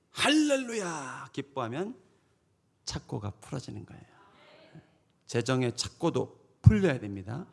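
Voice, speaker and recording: A middle-aged male pastor preaching a sermon emphatically, swinging from loud declarations to hushed asides. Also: medium pitch, creaky.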